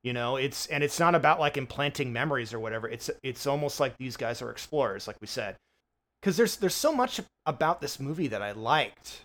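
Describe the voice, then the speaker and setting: A man's voice: medium pitch, lively intonation, fairly quick, a bit bright. A man co-hosting a film review podcast, chatting casually with many fillers and restarts, swearing now and then.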